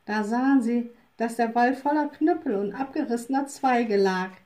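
A woman reading a children's storybook aloud in a calm, measured storytelling manner. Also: a little high. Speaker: narrator.

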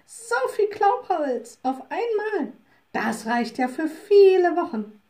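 A woman's voice: high-pitched, animated, measured pace, a little mellow, voice pushed up. A woman voicing glum old wood-gathering women. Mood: overjoyed.

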